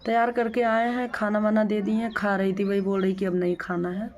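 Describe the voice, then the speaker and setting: A woman's voice: mid-range voice, flat delivery, brisk, a little mellow, slight background noise. A young adult woman talks straight to her viewers in a casual vlog. She retells events plainly, repeating herself and restarting her sentences often. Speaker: vlogger.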